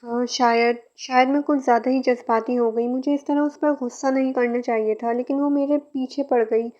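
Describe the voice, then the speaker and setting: A woman's voice: sits high, steady tone, normal speed, darkish tone, close to an everyday voice. A woman voicing a frazzled young mother who snaps and pleads, in a fan fiction reading. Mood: strained. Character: young mother, tearful and overwhelmed. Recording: muffled lo-fi recording.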